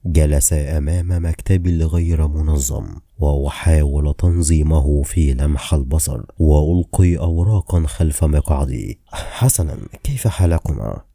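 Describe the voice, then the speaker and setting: A man narrating a novel in the first person, calm and measured. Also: a bass voice, dry recording, studio quality. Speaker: audiobook narrator.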